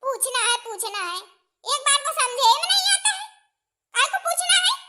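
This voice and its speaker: A woman's voice: very high-pitched, sing-song, normal speed, pushed and bright, voice pushed up, exaggerated voice. A woman voicing a bossy, scheming mother-in-law in a cartoon, scolding in rustic village speech.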